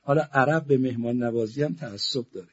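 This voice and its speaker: A middle-aged man preaching a mourning sermon, telling a story that moves from hushed narration to loud, lamenting passages. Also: slightly rough, highs cut off. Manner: starts hushed, builds to loud, high-pitched lament.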